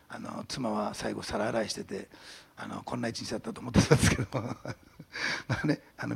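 A man's voice: mid-range voice, vocal fry, breathy edge. A male pastor preaching a sermon, telling stories animatedly and acting out what people say. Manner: animated storytelling, acting out quotes.

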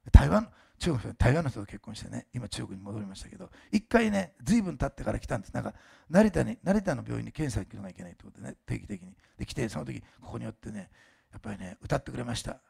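An older man preaching a sermon and telling a testimony at a fast clip. His voice is heavily gravelly and husky. He talks with emphatic, chatty asides, breaks off and restarts, and now and then his words slur. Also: medium pitch, sing-song, darkish tone. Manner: fast-talking, admits slurring lately. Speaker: pastor.

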